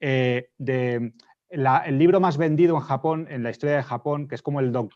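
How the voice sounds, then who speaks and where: Spanish male panelist, explanatory and hesitant, mid pitch, slightly muffled lo-fi audio. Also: moderate pace, darkish tone. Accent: Spain. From Spain. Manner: explanatory, restates points, frequent hesitations. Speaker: debate panelist. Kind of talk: casual panel discussion. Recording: dull lo-fi audio.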